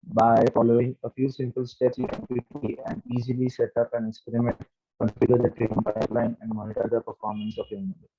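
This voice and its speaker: A man's voice: mid-range voice, level tone, fast talker, a little hiss or hum. A young man giving a hesitant, formal presentation as an intern on a video call. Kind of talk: slide presentation and software demo. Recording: dull lo-fi video-call audio.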